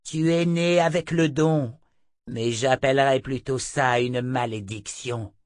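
A man's voice: medium pitch, slow pace, no echo, clean studio sound, voice pushed up, natural voice. A man reading an audiobook, voicing an old female seer who speaks coldly and imperiously. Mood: scornful. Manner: cold, cutting, imperious. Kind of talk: audiobook character voice.

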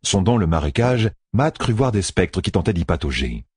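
A man reading a fantasy audiobook in a measured, expressive storytelling voice. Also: low voice, breathy edge, dry recording, clean studio sound. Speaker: audiobook narrator. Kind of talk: scripted fantasy audiobook narration.

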